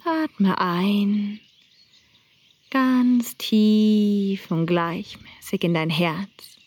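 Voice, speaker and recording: A woman guiding a breathing meditation in a soft whisper. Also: mid-range voice, husky. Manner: soft whispering, slow and calm. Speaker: meditation guide.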